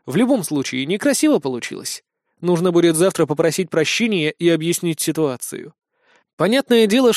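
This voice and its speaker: A man narrating an audiobook in a lively, expressive storytelling manner. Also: on the high side, dry recording, studio quality.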